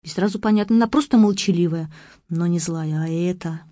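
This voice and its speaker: Brief: woman playing a nosy, plaintive young mother-to-be, soft dark voice, audiobook. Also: lowish voice, brisk, no echo, dull audio, natural voice. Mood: gossipy. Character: young pregnant woman, simple-hearted and nosy.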